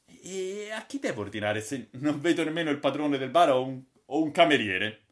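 A man's voice: fairly high pitch, animated, moderate pace, pitched above the performer's own voice, close to an everyday voice. A man voicing an incredulous young man from the past who keeps asking questions. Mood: astonished. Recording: roomy echo.

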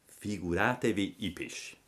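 A man calmly reading a classic children's story aloud as narrator. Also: low-pitched, unhurried.

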